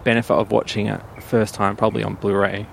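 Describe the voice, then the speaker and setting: Guy from perth hosting a chatty podcast, low gravelly voice, bit of hiss behind. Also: flat delivery, fast. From Perth, Australia. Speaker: podcast host. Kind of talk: casual interview chat.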